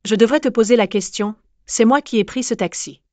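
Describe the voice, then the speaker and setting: An actress dubbing a feisty, sharp-tongued young waitress in a drama series, blunt and teasing. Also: female voice, a little high, a little fast, no echo, close to an everyday voice. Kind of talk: French dub of a drama series.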